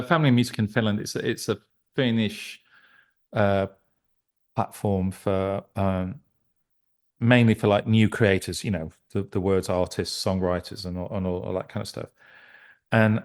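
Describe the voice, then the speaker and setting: A man's voice: fairly low pitch, a little mellow. A middle-aged man, a musician and producer, talking as a guest in a casual interview, rambling with many restarts and fillers. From England.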